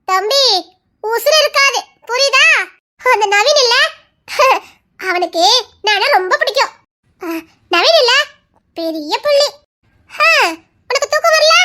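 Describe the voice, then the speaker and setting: A woman voicing a shrill, panicked young woman. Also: bright, forceful tone, heavily acted. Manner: pleading, stammering, nervous laughter. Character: young woman, frightened but defiant. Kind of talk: Tamil audio drama acting.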